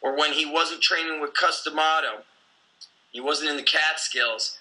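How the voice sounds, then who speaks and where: A man in his forties talks in a casual conversation with an intense, blunt drive, swearing as he goes. His voice is strikingly bright and sits a little high. He sounds like a coach who runs his own gym. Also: moderate pace, poor audio.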